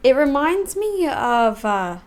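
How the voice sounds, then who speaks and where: A woman's voice: high voice, sing-song, slow, a little mellow. A woman hosting a reaction video with casual, rambling commentary, repeating words for emphasis.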